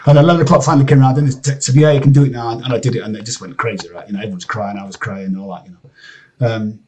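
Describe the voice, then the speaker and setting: A Scottish man, a game composer, chatting in an interview, excitable and rambling with many restarts. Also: mid-range voice, rapid-fire. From Scotland. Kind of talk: casual interview chat. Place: home studio area, lives in LA.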